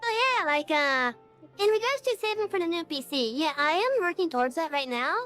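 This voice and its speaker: Voice-changed streamer, high-pitched feminine output, rambling casual chat, faint music underneath. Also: animated, fairly quick, sharp tone. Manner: rambling, many fillers and restarts. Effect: voice changer, real-time. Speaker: game streamer.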